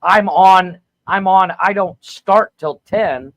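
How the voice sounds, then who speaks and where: A man's voice: high voice, takes it slowly, a bit bright, no room sound. A man co-hosting a podcast, talking in brash, profane banter. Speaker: podcast co-host. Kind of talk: casual chat.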